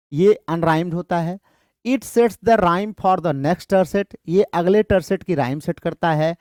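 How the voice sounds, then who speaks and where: A man teaches literature for an exam, keeping his students involved by asking questions and answering them himself. His voice sits a little high and sounds dry and close. He reads English options slowly, then explains them quickly. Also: darkish tone, no echo. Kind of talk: exam-prep lecture.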